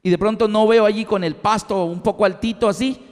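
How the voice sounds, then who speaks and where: A man preaching a sermon as an evangelist, telling stories in an animated way and acting out the voices of his characters. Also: high-pitched, fairly quick. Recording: long hall reverb.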